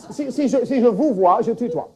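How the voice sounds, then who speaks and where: A man's voice: very high voice, heavy background noise, voice pushed up, exaggerated voice. A man playing a flustered foreign language teacher in a stand-up comedy sketch, stammering through puns with a put-on accent. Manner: stammering wordplay, restarts. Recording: 1979 television broadcast.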